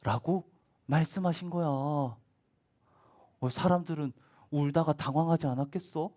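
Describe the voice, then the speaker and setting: A man teaching at a children's church service, telling a Bible story in an animated way. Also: a little high, a little slow. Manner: animated storytelling with voiced characters.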